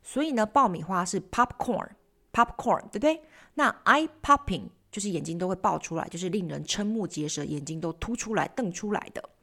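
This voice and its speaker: A woman's voice: medium pitch, moderate pace. A woman hosting a bilingual lesson on English news, explaining key words and slipping English phrases into her explanations. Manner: lively explaining, mixing English terms into Chinese. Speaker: language teacher and host.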